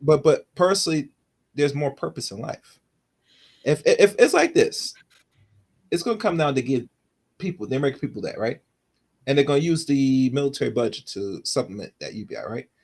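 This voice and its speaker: Husky man arguing in rambling chat. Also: mid-range voice, lively intonation, fairly quick, pauses often, a little mellow. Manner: rambling, many fillers, argumentative. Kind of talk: casual chat.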